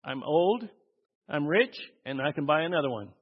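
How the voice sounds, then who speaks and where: Man doing a shrill indignant old lady. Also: animated, normal speed, husky. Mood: smug. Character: indignant rich little old lady driver. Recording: dull audio with long hall reverb.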